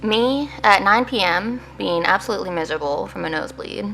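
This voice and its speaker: A woman with a mid-pitched voice and heavy vocal fry chats in a personal patient diary. Her delivery is casual and unscripted, with faint music behind it. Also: animated, fairly quick, fairly bright tone, rough recording. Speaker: patient vlogger.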